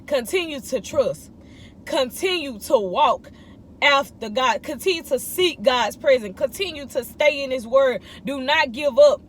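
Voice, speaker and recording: A woman in her thirties with a high voice delivers a casual morning devotional. She speaks emphatically and repeats short phrases to drive her encouragement home. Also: animated, unhurried, slight background noise. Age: 30s. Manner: emphatic, repetitive exhortation in informal speech. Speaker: vlogger giving morning encouragement.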